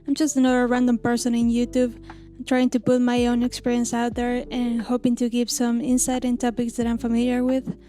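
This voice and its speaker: A woman in her thirties from Argentina, an illustrator narrating her own story in a gentle, reflective scripted voice-over. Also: a little high, monotone, brisk. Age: 30s. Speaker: illustrator and channel host. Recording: lo-fi music bed under voice.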